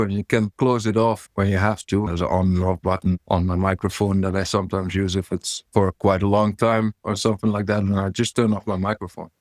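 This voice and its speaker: A man guest in a casual interview, talking through his vocal gear in a relaxed, rambling way. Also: fairly low pitch, no echo, studio quality.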